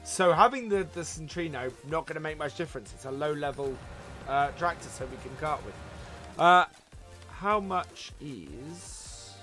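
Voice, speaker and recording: Chatty male stream host, fairly high and bright voice, soft music underneath. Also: fairly quick. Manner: chatty, greets viewers by name between game remarks. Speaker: livestream host. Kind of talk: casual gameplay live commentary.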